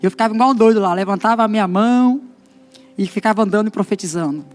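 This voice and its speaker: A middle-aged man with a Brazilian Portuguese accent, a pastor giving a testimony sermon and telling his story in a lively way, acting out the dialogue. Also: sits high, quick pace, soft background music.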